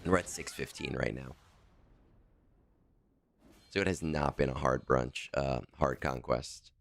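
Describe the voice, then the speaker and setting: A man's voice: very deep voice, a little slow, vocal fry. A man streaming a game and chatting in a casual, rambling and joking way, his voice scratchy in the morning. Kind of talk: casual live-stream chat.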